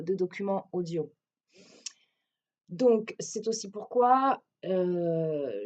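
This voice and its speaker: A French woman with a French accent introduces herself as a language teacher, explaining things hesitantly and often restarting her phrases. Her voice is mellow and relaxed at a middling pitch. The recording sounds somewhat dull and lo-fi. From France. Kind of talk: self-introduction video.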